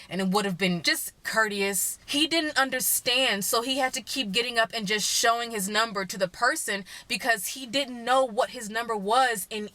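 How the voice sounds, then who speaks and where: A young woman from Texas, vlogging in a chatty, opinionated way, her pace running fast then slow. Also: fairly high pitch, bright, forceful tone, dry recording. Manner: chatty, opinionated, speeds up and slows down. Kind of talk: casual vlog chat.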